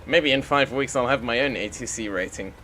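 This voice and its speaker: A man's voice: mid-range voice, fairly quick, bright, forceful tone. Casual male flight sim streamer, faint noise. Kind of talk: casual live-stream chat with pilot radio calls.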